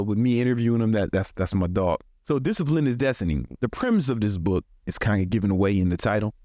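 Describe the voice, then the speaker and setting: In a clean, echo-free studio recording, an American man in his forties hosts a podcast with laid-back motivational talk. He speaks colloquially and profanely, chuckles a lot, and his voice sits on the low side with a darkish tone.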